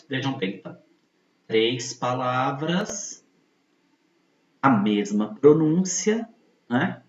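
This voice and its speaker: Guy teaching a lesson real slow, patient, keeps checking if u follow, sounds far off in an echoey room, kinda dull audio. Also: mid-range voice. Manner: slow, patient, repeats points with frequent tag questions. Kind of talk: video lesson explanation.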